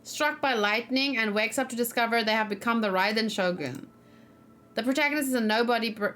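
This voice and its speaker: A woman gives casual, chatty let's play commentary in a mid-range voice, expressive as she thinks out loud and reads the game's text aloud.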